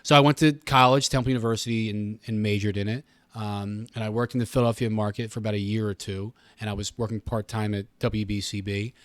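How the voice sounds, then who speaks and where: An American man in his thirties, a radio station communications director, guests on a casual interview and explains things in a chatty, wordy way. His voice sits on the low side with little pitch movement, and he talks fast. The recording has no echo.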